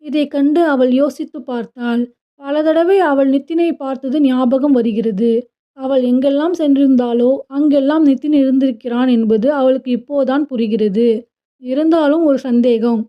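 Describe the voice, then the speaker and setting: A woman narrating a romantic serial story in a steady, even storytelling manner. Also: high-pitched, normal speed. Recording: dull lo-fi recording.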